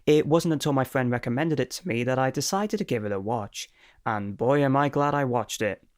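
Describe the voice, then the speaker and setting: A man narrates a scripted anime review at an ordinary middle pitch. His delivery is dry, with a light sarcastic edge. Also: fairly quick.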